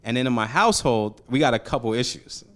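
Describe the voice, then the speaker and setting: A Brooklyn, New York man in his 40s chats casually as an interview guest, talking at a quick pace in a mid-range voice. He's relaxed and loose, full of slang and lots of fillers.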